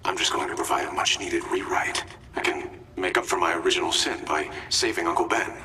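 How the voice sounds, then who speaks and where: An actor playing an older, smug megalomaniac corporate villain who was once a hero, in video game cutscenes, with calm theatrical menace. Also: male voice, sits low, a little fast. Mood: smug, grandiose. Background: dramatic music.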